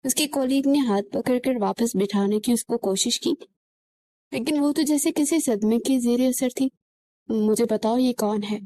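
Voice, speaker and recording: A woman narrating a romantic novel in an emotive, expressive reading. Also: sits high, no room sound.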